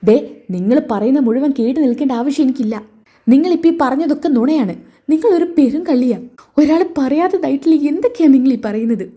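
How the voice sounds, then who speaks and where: A woman's voice: a little high, a little fast, mellow, breathy edge. A woman voicing a defiant young wife who firmly stands up for her family. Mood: indignant. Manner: indignant, firm.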